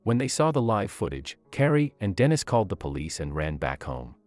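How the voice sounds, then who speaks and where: A man with a very low, deep voice tells a true-life story in scripted narration. His intonation swings widely as he stresses the turning points, building suspense. Soft music runs faintly underneath. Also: very animated, a little fast, no echo.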